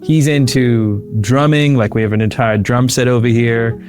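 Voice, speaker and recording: Joining a podcast by video call from his living room, a Sri Lankan founder in his early fifties chats informally into a close desk mic. He speaks at a moderate pace in a steady, medium-pitched voice, with music in the background.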